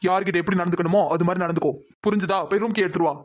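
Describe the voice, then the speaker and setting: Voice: mid-range voice, fairly even intonation, racing, lightly acted. A voice actor playing a stern commanding young man. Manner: commanding, scolding. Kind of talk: cartoon dub acting.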